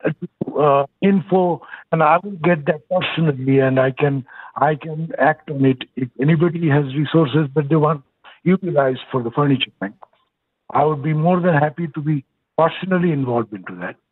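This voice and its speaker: This guest is a sixty-something Bangladeshi man who runs a nonprofit as executive director, phoning in from elsewhere for a relaxed interview. He talks earnestly at a moderate pace in a fairly high, slightly rough voice with a Bangladeshi accent, stumbling into hesitant restarts. The audio is dry, carried over a tinny phone connection.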